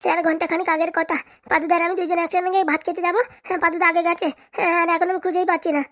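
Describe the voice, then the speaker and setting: Fast high-voiced woman voicing cartoon. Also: little pitch movement, fairly bright tone. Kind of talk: cartoon voice acting, several roles.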